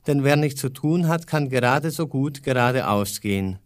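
A man's voice: mid-range voice, expressive, moderate pace, no room sound, lightly acted. A man reading as a stubborn idle man. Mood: determined. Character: idle stubborn man set on walking straight.

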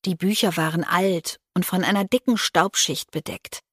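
A woman narrating a storybook in the first person, expressive and lively. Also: lowish voice, moderate pace, husky, no room sound, clean studio sound.

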